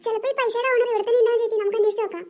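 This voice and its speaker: A squeaky, eager cartoon little girl. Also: level tone, very fast, a little mellow. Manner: eager, inquisitive. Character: curious younger girl, little sister. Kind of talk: cartoon voice acting.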